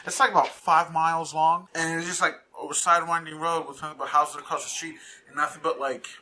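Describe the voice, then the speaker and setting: A man co-hosting a casual podcast, excitable and easily spooked, swearing as he tells stories. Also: a little high, fairly quick. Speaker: podcast co-host.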